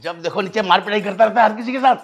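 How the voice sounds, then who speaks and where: A man's voice: high voice, very fast, creaky, faint music behind. A man playing an exasperated father who scolds his son in a comedy sketch. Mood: scolding. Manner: scolding, fed-up.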